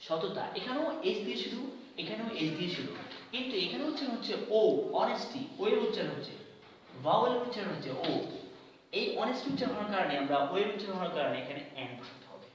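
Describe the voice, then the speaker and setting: Man teaching english grammar, patient and repetitive, slightly high voice, very echoey room, mic a few steps off. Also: fairly bright tone, distant mic, a little hiss or hum. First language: Bengali. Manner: explains patiently, repeating words and sounds. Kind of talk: explanatory classroom-style lesson.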